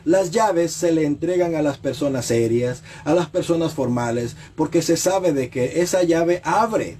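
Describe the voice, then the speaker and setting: A man delivers a sermon in a mellow, warm voice pitched a little high for a man. He repeats key phrases and puts rhetorical questions to the listener, and he drops low and slow on solemn lines. Faint noise hums behind him. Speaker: preacher.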